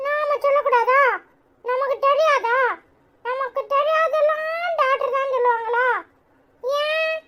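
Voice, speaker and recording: A woman voicing a small, curious and whiny boy in a cartoon, with a childish squeaky voice and a Tirunelveli Tamil accent. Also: steady tone, a little slow, pushed and bright, heavily acted. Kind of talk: cartoon voice acting.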